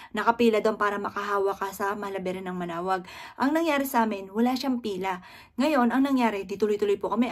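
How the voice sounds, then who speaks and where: A middle-aged woman from the Philippines telling a heartfelt personal story to her viewers, earnestly addressing them and quoting her family in her own voice. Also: a little high. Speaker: vlogger.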